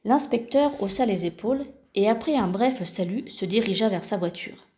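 A woman narrates a children's novel in a calm, even storytelling manner. Her voice is dark and mellow. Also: mid-range voice, moderate pace. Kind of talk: scripted audiobook narration.

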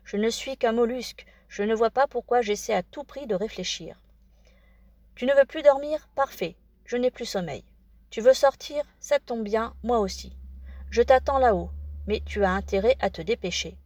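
A stubborn, sulky young boy who fires back quick protests, read out by a woman. The tone is lightly raised and the sound dry and close, as in a storybook narration. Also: a little high, a little mellow, no echo. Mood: resigned.

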